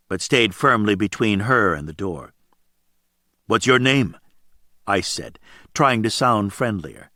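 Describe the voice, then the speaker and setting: A male narrator with a low voice tells a story in an even, steady read. The sound is dry and close, with no room around it. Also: no echo. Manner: steady storytelling, voicing characters in dialogue. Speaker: audiobook narrator. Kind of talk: scripted narration.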